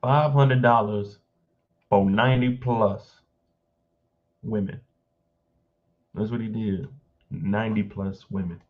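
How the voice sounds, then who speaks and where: A man's voice: lowish voice, steady tone, slow, long pauses, phone-quality sound. A man hosting a casual live stream, reading an article aloud and breaking off to react with blunt, informal asides.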